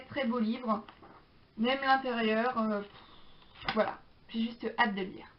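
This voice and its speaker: A young woman with a fairly high voice chats casually to her camera, hesitating often and filling the gaps with little pauses. The recording sounds a bit dull and lo-fi. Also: a little hiss or hum. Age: young adult. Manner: chatty, hesitant, many fillers. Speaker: book vlogger. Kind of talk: casual chat.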